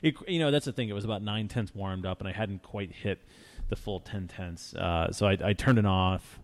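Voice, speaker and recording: A man with a low, gravelly voice chats easily as a show host. He rambles through his stories and often restarts his sentences. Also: normal speed. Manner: relaxed, rambling storyteller with many restarts. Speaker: podcast host. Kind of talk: casual car chat.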